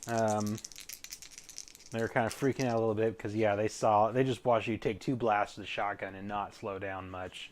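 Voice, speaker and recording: A man's voice: on the low side, steady tone, moderate pace, slight background noise. A man narrating as game master in a tabletop role-playing session, describing scenes vividly between casual rules talk.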